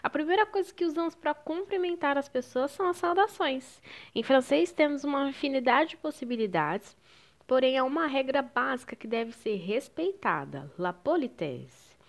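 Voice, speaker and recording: Brazilian woman teaching French, slightly high voice. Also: animated, moderate pace, creaky. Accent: Brazilian Portuguese. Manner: didactic, explains patiently, switches into French phrases. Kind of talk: online language lesson.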